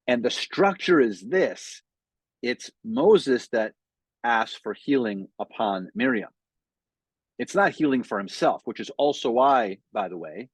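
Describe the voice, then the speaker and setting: Husky-voiced rabbi, casual sermon delivery. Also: male voice, mid-range voice, no room sound. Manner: conversational, thinking aloud with frequent fillers and restarts. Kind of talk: weekly sermon message. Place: in front of a Hebrew sign, dry room.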